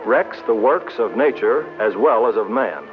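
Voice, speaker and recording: A man's voice: medium pitch, animated, measured pace. A man giving scripted commentary for an old newsreel, with a punchy, emphatic announcer delivery. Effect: old newsreel narration. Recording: dull lo-fi archive sound with loud music.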